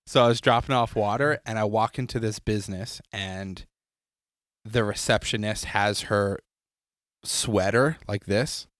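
A man with a somewhat low voice tells a workday story among friends, breaking into laughter and acting out the people in it. The sound is dry and close to the mic. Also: steady tone, unhurried, a bit bright, no echo. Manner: laughing often, acting out quotes. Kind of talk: casual chat, storytelling.

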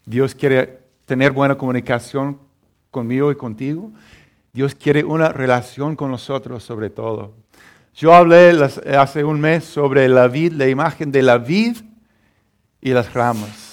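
A man's voice: medium pitch, a little slow. A middle-aged man preaching a sermon as pastor, telling a family story with many restarts and chuckles.

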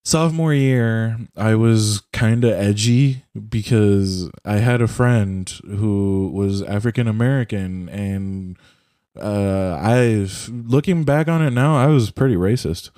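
Slow, warm, and fairly low-pitched, this young man from Puerto Rico, a podcast host and native Spanish speaker, talks profanely and loosely on a voice call, filling his rambling with "bro" and "like." The studio-quality audio is dry, recorded through a headset or desk mic.

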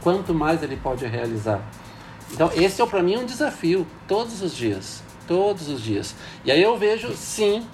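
Reflective priest, slightly high voice. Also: male voice. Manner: thoughtful, hesitant with many fillers. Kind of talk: casual reflective talk.

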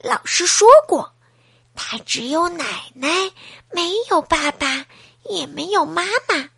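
A woman voicing an earnest little schoolchild in a storybook, speaking in a hushed way. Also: very high-pitched, animated, slow pace, gravelly, no room sound, pitched above the performer's own voice, exaggerated voice.

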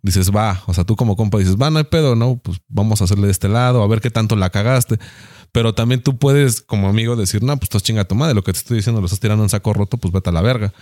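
A man's voice: lowish voice, dark tone, dry recording, clean studio sound. A young man with a Mexican accent in a casual, blunt and slangy chat, teasing his friends. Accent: Mexican Spanish. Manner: blunt, slangy and profane, quick to mock friends.

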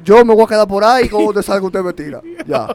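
High, fast-talking man ranting. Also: creaky, darkish tone, dry recording. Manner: ranting, mock-resentful, laughing through complaints. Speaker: podcast co-host. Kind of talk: casual chat.

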